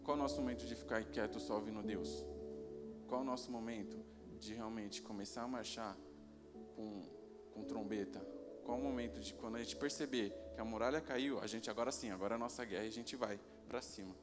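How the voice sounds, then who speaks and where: Calm preaching man, music behind. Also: fairly low pitch, a little fast, big-room sound. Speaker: lay preacher. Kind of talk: sermon.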